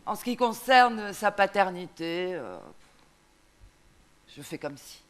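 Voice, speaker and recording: A woman speaking from a theatre stage in a live comedy, prim and quick to correct. She slips into a gossipy, storytelling manner during long monologues. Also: medium pitch, lively intonation. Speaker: comic actress.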